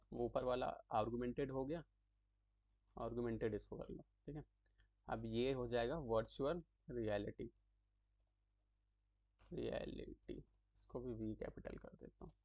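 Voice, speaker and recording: A man giving a casual tutorial, explaining acronyms in a chatty way, often repeating terms slowly and checking in with the listener as he writes them out. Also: mid-range voice, darkish tone, no echo.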